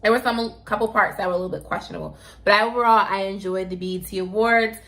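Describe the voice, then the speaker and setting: A woman's voice: mid-range voice, fast talker, a bit bright. Effusive chatty woman co-hosting a show. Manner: chatty and effusive, addresses viewers as y'all. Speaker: co-host. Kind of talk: casual chat show.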